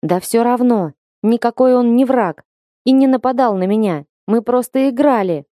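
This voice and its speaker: A woman's voice: a little high, moderate pace, mellow, dry recording, studio quality, voice pushed up, close to an everyday voice. A woman voicing a slight young swordfighting girl who talks in a snappish, mocking way. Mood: protesting.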